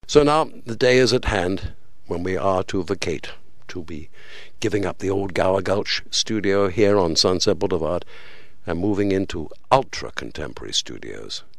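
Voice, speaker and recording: A man's voice: sits low, expressive, moderate pace, no room sound. An older man, a veteran broadcaster, reminiscing and telling stories on the radio.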